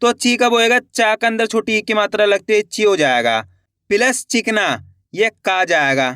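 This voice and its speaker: A man teaching spelling slowly and patiently, asking the viewer questions, repeating each word and dropping low as he finishes it. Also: sharp tone, clear, resonant tone, dry recording, clean studio sound. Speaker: Hindi writing teacher. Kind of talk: slow, patient spelling lesson.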